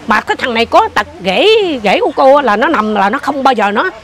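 An older woman, telling a ghost story in casual chat, animated and repetitive. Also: fairly high pitch, fairly quick. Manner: animated, repeats herself, points things out.

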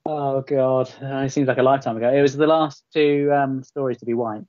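A man's voice: medium pitch, fairly even intonation, fairly quick, mellow, no echo. Exasperated man on a lo-fi call. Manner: exasperated, pleading, jokey. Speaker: podcast panel quiz contestant. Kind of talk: casual group chat on a live call. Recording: dull lo-fi call audio.

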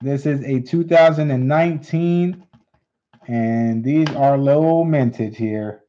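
A man runs a live coin auction, calling and repeating each bid in steady patter. His voice sounds mellow and unhurried. The stream audio is dull and lo-fi. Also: mid-range voice, a little hiss or hum. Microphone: unseen, hands on camera.

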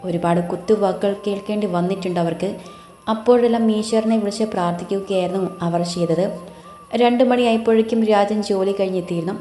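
A woman narrating an audiobook story in an even storytelling manner. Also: mid-range voice, fast talker. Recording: echoey room with faint music.

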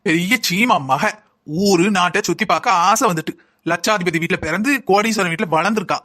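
A woman voicing a scornful village husband in a cartoon, with a southern Tamil accent and a slow, sneering delivery. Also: fairly low pitch, fairly bright tone, voice pushed down. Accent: southern Tamil (Kanyakumari-Tirunelveli). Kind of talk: cartoon voice acting.

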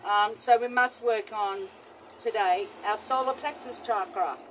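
This middle-aged spiritual practitioner vlogs casually outdoors, her mid-range voice a touch slow as she wanders through her thoughts with mild excitement and exclamations. She films in bush and a shallow rock cave on a phone held on a selfie stick with a microphone. The recording is noisy, with traffic audible.

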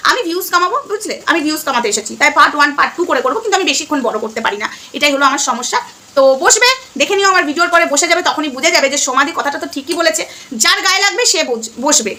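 A woman's voice: sits high, expressive, racing, pushed and bright. A middle-aged woman with a Bengali accent, talking casually and emphatically to her viewers at home and often checking that they follow. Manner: emphatic, repeating "ঠিক আছে?". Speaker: vlogger.

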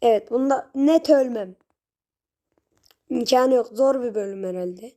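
A young woman giving casual gameplay commentary, chatty with her viewers and prone to sudden shrieks and yells at the game. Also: on the high side, unhurried. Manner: chatty, talks straight to viewers. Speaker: gaming channel host.

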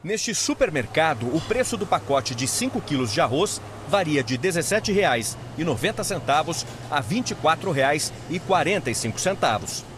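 Higher-pitched male news reporter, steady delivery. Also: background noise. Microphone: handheld microphone.

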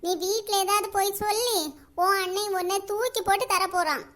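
A woman's voice: extremely high pitch, fairly even intonation, moderate pace, fairly bright tone. A woman voicing a gossipy, teasing teenage friend in a cartoon.

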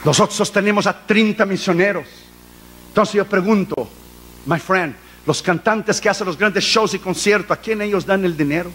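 High, bright-voiced fervent man preacher. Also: moderate pace, a little hiss or hum. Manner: fervent, drops English phrases into his preaching; preaches in exclamations to the congregation. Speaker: evangelist preacher. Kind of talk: live sermon with personal testimony.

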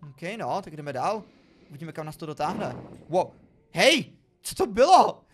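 A man giving excitable, exclamatory let's play commentary while talking to his viewers. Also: fairly high pitch, slight background noise. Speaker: gaming video creator. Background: faint background music.

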